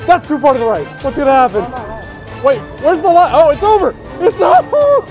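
At night at an outdoor stadium's golf bays in the rain, a young vlogger in his twenties films himself on an action camera held at arm's length. He gives excited running commentary with loud outbursts, his voice very high and a little fast. The recording is noisy, with crowd chatter and music in the background.

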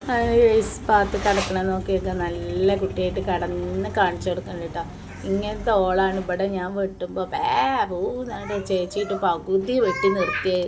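A woman's voice: mid-range voice, flat delivery, a little fast. A mother vlogging about her family in a Malabar Malayalam accent, giving a chatty voice-over narration recorded in a separate room at home. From Malappuram, Kerala. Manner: chatty, warm tag words at line ends. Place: indoor room, recorded apart from the filmed scenes. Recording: noisy home recording, kids in background.

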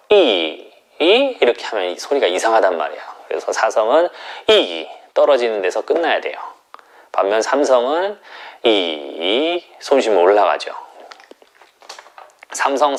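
A man teaching a Chinese lesson in Korean, explaining tones and stretching out single syllables to demonstrate them. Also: mid-range voice. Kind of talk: online language lesson.

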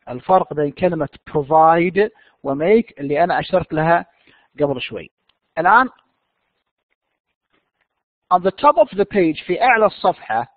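A man's voice: fairly high pitch, no echo. Man teaching English on a thin line. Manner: switches between slow drawn-out English and quick Arabic explanations. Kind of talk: online class lecture. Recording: dry, phone-like narrow sound.

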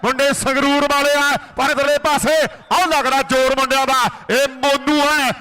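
A male commentator with a Malwa Punjabi accent gives frantic rural sports commentary. His voice is pitched extremely high with a forceful, sharp edge. He follows the kabaddi in a running play-by-play. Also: level tone, normal speed. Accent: Punjabi from Indian Punjab's Malwa region.

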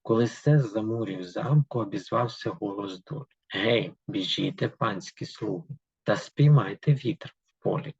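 A man's voice: on the low side, moderate pace, vocal fry, breathy edge, no echo. A man teaching a literature lesson who reads a poem aloud with emphasis and then explains it to pupils with many fillers. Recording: dull, lo-fi dry recording.

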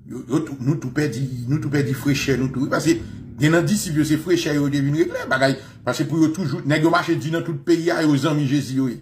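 A man with a Haitian accent preaching an animated sermon, repeating phrases and slipping into mock voices. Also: fairly high pitch, fast talker. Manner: animated, repetitive, often slips into mock voices.

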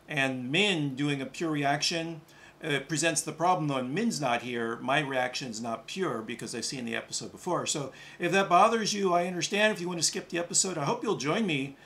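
A middle-aged man hosting a reaction video, talking casually and enunciating carefully with small pauses. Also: fairly high pitch, sharp tone.

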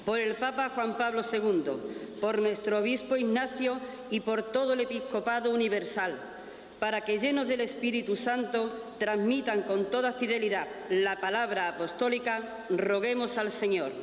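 A man reading the prayers of the faithful at Mass in a formal, steady way, heard with a booming church echo. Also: moderate pace. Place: large church, indoors. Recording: echoey church hall with hiss.

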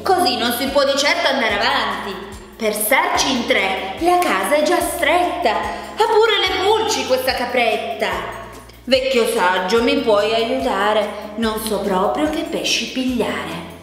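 A woman voicing a fussy, grumbling little old woman in a children's storybook, with shrill sing-song complaints. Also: lively intonation, slow pace. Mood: pleading. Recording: echoey room with long reverb, faint music.

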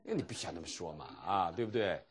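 A man's voice: low voice, quick pace. A middle-aged man from mainland China, a pastor teaching a seminary class and telling stories with chuckles. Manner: animated storytelling, acting out dialogue with chuckles. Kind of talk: seminary lecture.

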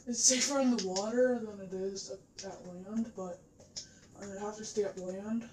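Recorded on a camera in a living room in front of a TV, a female gamer delivers casual commentary. She speaks in a mid-range voice at a moderate pace, keeping her intonation fairly even. The sound has a roomy echo, background noise, and controller clicks.

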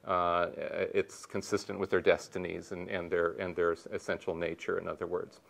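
A sociology researcher in his sixties, speaking on a conference panel, has a deep voice with vocal fry and a moderate pace. Wearing a lapel mic in a lecture room before a projection screen, he gestures as he tells animated stories full of restarts and fillers.

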